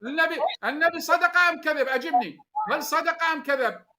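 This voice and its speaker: A man's voice: extremely high pitch, fast talker, bright, forceful tone. A man, interrupting and demanding answers. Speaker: debater. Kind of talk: heated religious debate.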